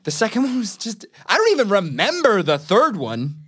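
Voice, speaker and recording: A man's voice: high-pitched, huge pitch swings, normal speed, a bit bright, slightly rough. A man co-hosting a podcast, skeptically pushing back in a casual debate. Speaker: podcast co-host.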